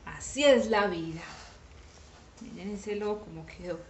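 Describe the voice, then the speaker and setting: A woman reading a children's story aloud in an animated way, with sudden shouted exclamations. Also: mid-range voice, a little slow, roomy sound, a little hiss or hum.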